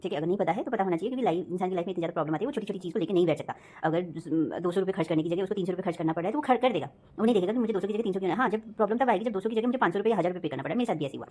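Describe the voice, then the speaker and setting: A woman's voice: on the low side, rapid-fire, hardly any pauses, a little mellow. A woman venting in a rambling casual monologue, repeating herself and correcting her words as she goes. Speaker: vlogger.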